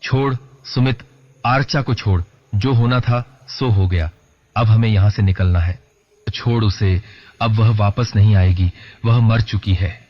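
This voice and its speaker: A man voicing a frightened young man who shouts urgently in a lo-fi recording. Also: on the low side, unhurried, dry recording. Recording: lo-fi dull recording.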